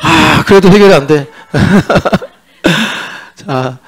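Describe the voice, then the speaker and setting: A male pastor delivers a sermon in a church sanctuary. He talks in a loose, conversational way, joking with and teasing his congregation. His voice sits somewhat higher than is usual for a man. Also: very slow, vocal fry, slightly rough. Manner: mixes in sung-style English lyric lines.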